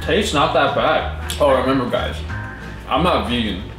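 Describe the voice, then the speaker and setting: A man's voice: mid-range voice, expressive, a little slow, far from the mic. A man co-hosting a food review in casual, joking chat, talking while chewing. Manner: joking, rambling, laughs often. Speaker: co-host reviewing frozen food. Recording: roomy sound, a little off mic, music behind.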